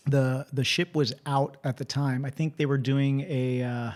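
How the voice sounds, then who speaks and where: A man hosting a casual interview, telling animated stories and often restarting his sentences. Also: mid-range voice, measured pace. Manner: animated storyteller, frequent restarts.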